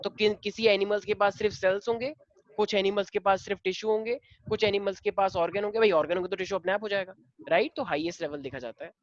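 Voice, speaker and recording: A man's voice: high voice, fairly even intonation, quick pace, dry recording. Male teacher mid-lesson, quizzing the class, dull dry recording. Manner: mixes Hindi and English, quizzes students, affectionate. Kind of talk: classroom lecture.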